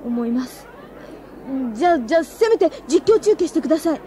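A woman's voice: sits high, animated, fairly quick, dark tone, a faint crowd. An actress playing a small, eager teenage schoolgirl detective in a radio drama, pleading and stammering. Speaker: lead actress and narrator.

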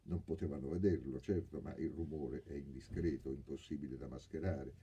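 A male actor reading a novel aloud in a measured, dramatic narration. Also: rumbling low, mellow, husky. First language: Italian. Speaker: audiobook reader. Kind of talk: literary narration.

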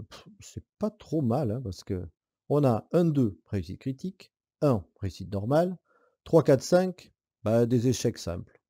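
A man's voice: mid-range voice, no room sound, studio quality. A man playing a board game alone and explaining the rules as he goes, thinking aloud, counting dice and weighing his moves in a casual way. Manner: casual, with hesitant fillers and soft laughs. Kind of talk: solo board game playthrough tutorial.

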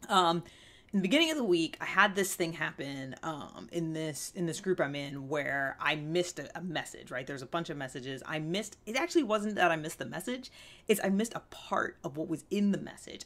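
Her voice is low and a bit bright. A thirty-something woman hosting a vlog, she gives a candid, earnest self-help talk to camera in a small indoor room with a fabric backdrop, speaking conversationally and emphatically while often checking in with the listener.

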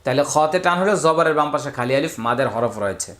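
A man with a Bangladeshi Bengali accent teaching Quran reading, patiently spelling out letters and drawing out syllables in slow repeated drills. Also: a little high, expressive, fairly bright tone, roomy sound. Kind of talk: recorded recitation lesson.

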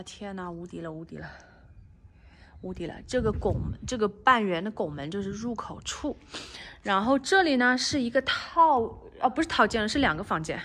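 Filming on her phone, a real estate agent casually shows a house under construction, speaking at a medium pitch and mixing English words into her talk. Now and then her voice drops to a soft near-whisper, and a slight hiss or hum sits under the recording.

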